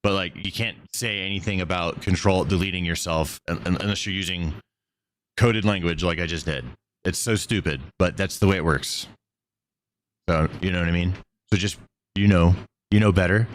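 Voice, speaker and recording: This man's voice is deep, smooth and steady in tone. Chatting casually on a live stream, he bosses an editor around in a blunt, sweary manner, stretching out his S sounds.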